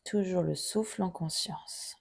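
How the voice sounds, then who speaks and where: A woman teaching a yoga class, giving calm, gently guiding cues through each pose. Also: on the low side, a little slow, gravelly. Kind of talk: guided yoga instruction.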